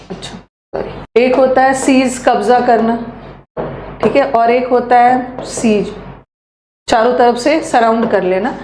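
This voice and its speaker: High-voiced woman teacher spelling words. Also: a little mellow. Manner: brisk, spells words letter by letter. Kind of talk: live online class. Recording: echoey room with faint hum.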